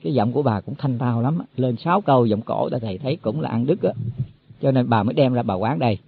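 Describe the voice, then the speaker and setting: A man's voice: medium pitch, quick pace, vocal fry, slight background noise. A man giving a Buddhist sermon to monks, explaining in a folksy way and repeating his words as he goes. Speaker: Buddhist teacher. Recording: tinny phone-like, dry.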